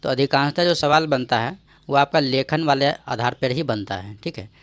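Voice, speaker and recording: Medium in pitch and fairly bright, the man speaks at a moderate pace with no echo. He's a teacher giving exam-prep grammar instruction step by step, checking in often with "ठीक है" and posing rhetorical questions to test the viewer.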